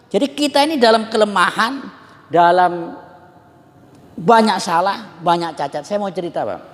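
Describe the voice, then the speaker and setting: A man leads a religious study class, telling stories to his listeners in a high, sharply rising and falling voice. His talk carries a long hall reverb. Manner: animated storytelling preacher, addresses audience as Pak and Bu. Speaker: religious teacher. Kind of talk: Islamic study lecture.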